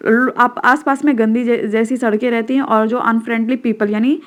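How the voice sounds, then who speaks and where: A woman's voice: a little high, steady tone, normal speed. A woman with an Indian accent, teaching a school textbook lesson and switching between Hindi and English, explaining step by step and checking that students follow.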